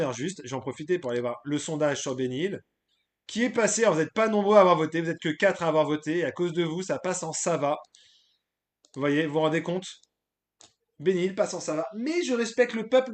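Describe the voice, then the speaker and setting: A man with a high-pitched voice hosts a live stream, chatting loosely and casually, sharing his opinions, and greeting viewers from the chat, hesitating often along the way.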